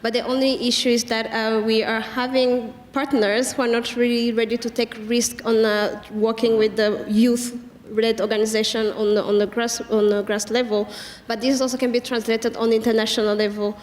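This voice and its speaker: Young female panelist, from Rwanda, earnest, high and even, roomy hall. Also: normal speed. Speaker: youth climate advocate, panelist.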